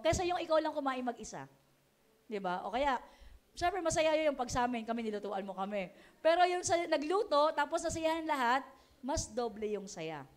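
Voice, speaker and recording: A woman pastor with a Filipino accent, preaching in a chatty, conversational way and often asking her listeners to agree. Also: high voice. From Philippines. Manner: chatty, keeps asking the congregation "di ba?", laughs often; mixes English phrases into Tagalog. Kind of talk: conversational sermon.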